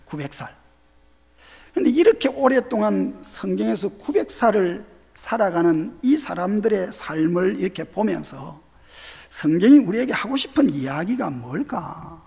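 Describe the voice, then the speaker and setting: A pastor from Geoje Island with a Gyeongsang accent, preaching a sermon in a church sanctuary with animated questions to the congregation. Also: male voice, sits high, normal speed, gravelly, breathy edge. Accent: Gyeongsang Korean. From Geoje Island, South Korea. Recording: long church hall reverb.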